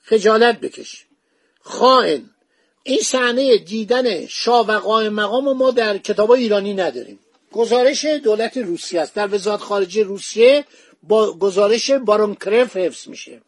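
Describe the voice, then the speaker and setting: A man's voice: high voice, dry recording. A man hosting a history podcast, telling the story in a conversational, digressive way with frequent fillers.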